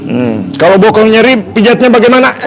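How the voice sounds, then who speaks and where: A man's voice: sits high, very animated, a little fast, poor audio. A man with an Indonesian accent demonstrating reflexology massage on a live stream, chatty and joking as he repeats each instruction.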